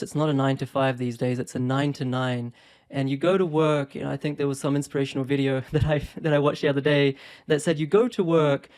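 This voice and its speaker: A man's voice: medium pitch, darkish tone, clean tone. A man in his thirties with a New Zealand and Australian accent, talking casually and upbeat to camera about investing, with small laughs and many ums. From born in India, raised in New Zealand and Australia. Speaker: property investment YouTuber. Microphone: phone.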